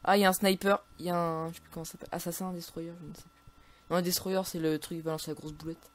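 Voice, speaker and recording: A woman's voice: fairly low pitch, little pitch movement, rapid-fire, slight background noise. A woman with a French accent casually commentating her own video game play, full of frustrated outbursts and stumbling restarts.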